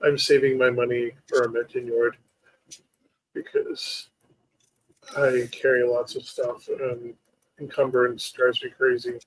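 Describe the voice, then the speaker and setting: A man's voice: medium pitch, little pitch movement, slow pace, long pauses, low-quality recording. A man co-hosting a gaming stream with casual, playful, jokey banter. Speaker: stream co-host playing the game. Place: room shared with host.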